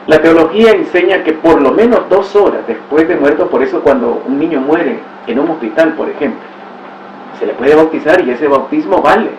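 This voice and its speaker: Higher-voiced man teaching in an echoey room. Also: expressive, normal speed. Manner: storytelling with exclamations and rhetorical asides. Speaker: catechist. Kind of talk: religious teaching talk. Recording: roomy, distant, dull recording with faint hiss.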